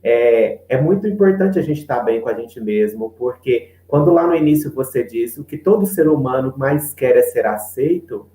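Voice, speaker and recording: Mellow Brazilian male moderator, echoey room. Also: mid-range voice, animated. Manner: measured and reflective, frequent tag questions. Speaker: panel moderator. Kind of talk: reflective panel discussion.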